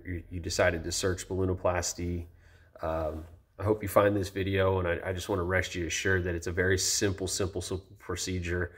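Speaking low, this thirty-something vlogger gives a relaxed, meandering review of something in the first person, stumbling through ums and false starts. Recent nose surgery leaves him stuffy and slightly weary. A phone camera close to his face captures him in an indoor space with a tall ceiling.

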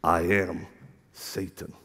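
A menacing demon growls its words low and slow, as a man puts it on. The voice drops well below his own and comes out gravelly and ominous. Long reverb from a chapel hall hangs behind each phrase. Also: little pitch movement, a bit bright, heavily acted. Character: menacing demon speaking through a girl, deep.

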